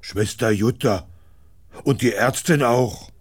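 Sad childlike elephant for a kids audio play, talks slow, plaintive. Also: male voice, mid-range voice, husky, no echo, clean studio sound. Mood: sorry for himself. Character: gentle, childlike, forlorn talking elephant in hospital. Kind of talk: German children's audio drama acting.

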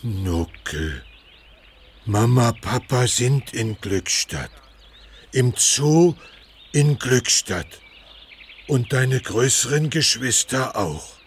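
An actor playing a kind, worried young zoo helper who talks earnestly and gently in a children's audio drama. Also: male voice, medium pitch, animated, extremely slow, long pauses, slight background noise. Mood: tender.

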